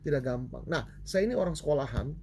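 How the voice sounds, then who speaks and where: A man's voice: medium pitch, expressive, quick pace, creaky, warm tone. A man preaching a sermon online, telling a personal story with feeling and often calling out to his brothers and sisters. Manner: emotional storytelling, addresses listeners as brothers and sisters. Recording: faint background noise.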